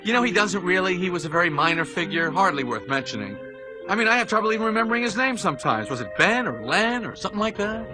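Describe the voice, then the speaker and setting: A man voicing an eager young male bee, a talk show guest who talks quickly and defensively in a video game cutscene. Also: sits high, very animated. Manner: quick, defensive and self-aware. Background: music.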